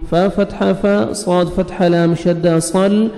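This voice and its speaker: Slow, mellow man chanting Quran lessons. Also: high-pitched, fairly even intonation, gravelly. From South Asia. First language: Urdu. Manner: spells out letters and vowel marks slowly, then chants the verse; brisk explanations of pronunciation rules between recitations. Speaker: Quran teacher. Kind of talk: slow syllable-by-syllable recitation lesson with explanations. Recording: echoey room with faint music.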